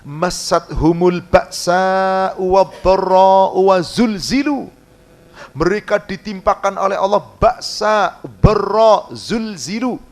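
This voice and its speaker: A male preacher with a high voice gives a sermon, slowly chanting Arabic verses, explaining them in casual speech and putting questions to the congregation.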